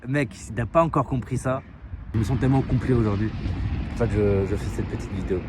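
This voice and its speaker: A man's voice: mid-range voice, brisk. A man from France with a French accent, telling a story in a casual vlog, chatty and full of filler hesitations, recorded outdoors in a city. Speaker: seduction coach vlogger. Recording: faint outdoor street noise.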